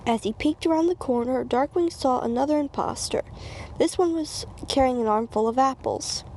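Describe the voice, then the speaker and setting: A woman's voice: sits high, moderate pace, a little mellow, slight background noise, low-quality recording. A woman reading a children's storybook aloud, stumbling and repeating phrases, with casual asides. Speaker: reader.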